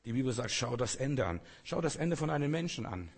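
A man preaches a sermon in a medium-pitched, slightly rough voice, brisk and animated. He speaks emphatically, repeating phrases and firing rhetorical questions straight at his listeners.

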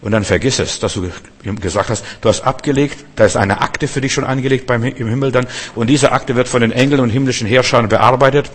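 A male preacher delivers a sermon in a folksy, direct way, turning to the listener again and again. His voice sits at an ordinary middle pitch and swells into emphatic peaks. The sound hangs in a long hall reverb. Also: quick pace. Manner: conversational, addresses listener as du, builds to emphatic outbursts.

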